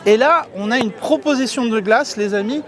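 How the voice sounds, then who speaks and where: A man's voice: extremely high pitch, normal speed. A middle-aged man chatting to viewers as his friends while walking through a theme park for his vlog, filmed on a handheld camera. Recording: outdoor crowd and faint music behind.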